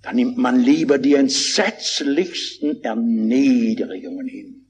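A man's voice: mid-range voice, expressive, slow, slight background noise. An older man preaching a sermon, telling stories with fervent, dramatic delivery and acted-out quotes.

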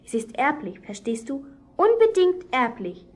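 A woman's voice: sits high, very animated, a little slow, a little mellow, exaggerated voice. A woman acting a young girl in a children's radio play, earnestly retelling a Bible story to a boy.

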